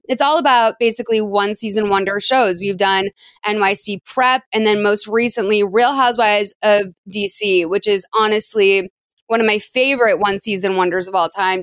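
A woman hosting a podcast in casual chat, chatty and curious with quick follow-up questions. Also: mid-range voice, a bit bright, clear, resonant tone, no room sound, clean studio sound. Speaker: podcast host.

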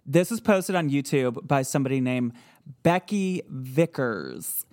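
Woman podcast host, chatty and animated, lots of fillers, casual and excitable. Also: extremely low pitch, a little slow. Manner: chatty, animated, with many fillers and little squeals. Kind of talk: casual chat.

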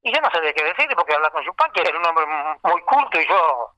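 Argentine male storyteller, higher-pitched bright voice, dry close sound, lively anecdotal delivery. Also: fast talker, dry recording, highs cut off. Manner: lively storyteller, acts out remembered dialogue. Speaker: singer recalling his career. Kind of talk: casual anecdote telling.

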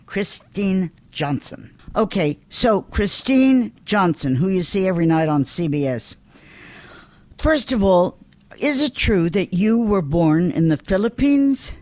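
A man's voice: sits high, sing-song, a little slow, no room sound. A man hosting an interview, asking questions in a playful, teasing and affectionate way. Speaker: interview host. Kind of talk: casual interview conversation.

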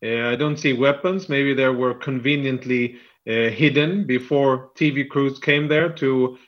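Over a slightly dull, band-limited remote link, a man with a medium-pitched voice answers a live news interview as a military spokesman. He is firm, deliberate and defensive in how he talks. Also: fairly even intonation.

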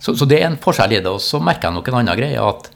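Creaky-voiced man with a Trøndelag accent. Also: medium pitch, very animated. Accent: Trøndelag Norwegian. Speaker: interview guest, business executive. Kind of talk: casual conversational storytelling.

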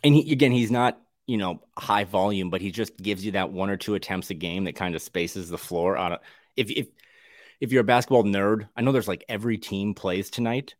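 Man, lowish voice, co-host, casual sports chat, wry, quick restarts, dry close recording. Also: no echo.

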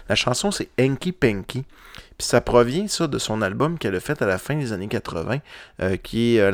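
With a lowish voice touched by vocal fry, a middle-aged Québécois-accented podcast host rambles casually about vinyl records, often using fillers and restarting sentences. The recording is dry and clean, with studio sound.

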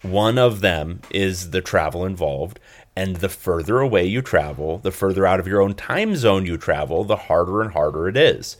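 A man's voice: deep voice, animated, normal speed. A man co-hosting a casual sports podcast, chatty and analytical, hedging his points. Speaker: podcast co-host.

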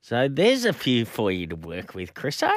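A man in casual horse racing chat, giving tips in a halting, informal way. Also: medium pitch, wildly swooping pitch, no echo, clean studio sound. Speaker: co-host and horse racing tipster.

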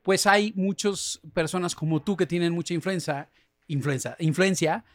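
A man with a Mexico City accent chats as a podcast guest, telling easygoing stories with filler words. His voice sits a bit higher than most men's. The recording is dry and close. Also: normal speed, no room sound. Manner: relaxed storytelling with fillers. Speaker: singer-songwriter guest. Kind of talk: casual chat.

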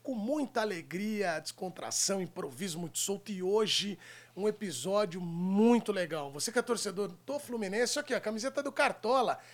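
A high-pitched Brazilian man opens his show as host in full ringmaster style. He announces with big, showy flourishes and stretches key words out for the audience at home. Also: expressive. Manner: showman announcer, booming drawn-out flourishes.

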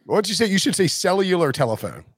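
A man's voice: sits high, very animated, quick pace, dry recording, clean studio sound. A man in his forties hosting a casual sports podcast, joking and teasing his co-host. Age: 40s.

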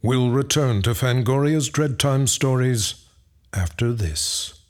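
Mid-pitched male radio announcer over music. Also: slow. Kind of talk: scripted radio credits announcement.

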